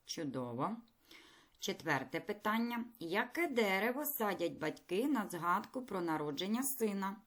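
A woman teaching a primary school lesson in a recorded video, speaking clearly, patiently and encouragingly. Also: medium pitch, sing-song, unhurried.

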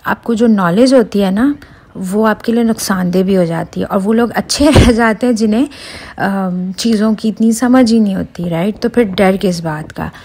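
A woman's voice: medium pitch, moderate pace, husky. A woman in her thirties chatting to viewers in a casual travel vlog, recorded outdoors on a cruise ship deck with a handheld phone. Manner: chatty, excited, talks to viewers directly. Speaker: vlogger.

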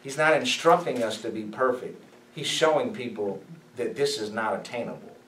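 A man preaching as a pastor, emphatic and animated, asking his listeners questions as he teaches. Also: medium pitch, moderate pace, a little hiss or hum. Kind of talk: sermon, Bible study teaching. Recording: echoey room, mic at a distance.

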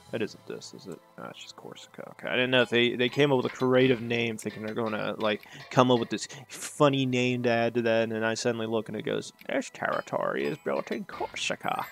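A native English speaker with a gravelly, medium-pitched voice plays a strategy game on his own gaming channel. His commentary is casual and rambling as he thinks aloud, peppered with sarcastic asides aimed at himself.

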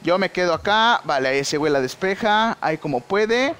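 A young man with a Mexican accent giving excitable, slangy live commentary on his own gameplay and shouting at big plays. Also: high voice, normal speed, smooth. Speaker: gaming YouTuber.

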